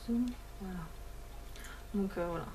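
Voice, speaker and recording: A woman vlogging at home in a relaxed, rambling way, full of fillers and restarts and the odd English word. Her voice sits at an ordinary middle pitch. A faint hiss hangs under the recording. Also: a little slow, vocal fry. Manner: chatty, many fillers and restarts, mixes in English words. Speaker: beauty vlogger. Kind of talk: casual chat to camera.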